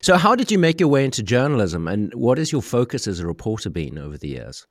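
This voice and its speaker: A man's voice: mid-range voice, sing-song, quick pace, no echo, studio quality. A man co-hosting a podcast, talking in a playful, teasing way and laughing often. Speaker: podcast co-host. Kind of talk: casual podcast conversation.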